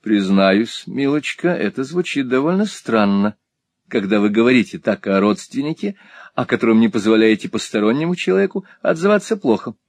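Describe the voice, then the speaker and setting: A man's voice: medium pitch, expressive, moderate pace, a little mellow, dry recording. A man reading an audiobook, voicing a chatty, shrewd middle-aged spinster painter who gossips and exclaims.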